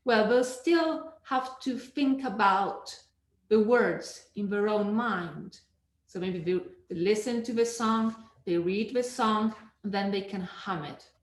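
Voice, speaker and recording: Brief: woman trainer, unhurried delivery, roomy echo on a webinar call, lively and demonstrative. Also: medium pitch. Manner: lively, demonstrative, sings and hums examples. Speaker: teacher trainer. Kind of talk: online teaching webinar.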